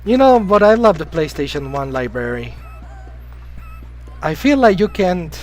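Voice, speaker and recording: His voice is a little high with big pitch swings and a measured pace, and faint music plays behind a rough recording. A native Spanish speaker, he rambles through a game live stream, greeting and answering his chat and coughing now and then from a recent illness.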